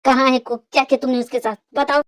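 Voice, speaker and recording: An angry, protective older brother , voiced by a woman in a fan audio drama. He demands answers and makes threats, on a higher voice than most men. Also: flat delivery, fast, dry recording, natural voice. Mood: demanding.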